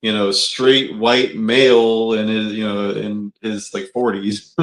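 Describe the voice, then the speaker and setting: A man's voice: lowish voice, little pitch movement, takes it slowly. Blunt man co-hosting, roomy echo. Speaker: co-host. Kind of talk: casual talk show banter.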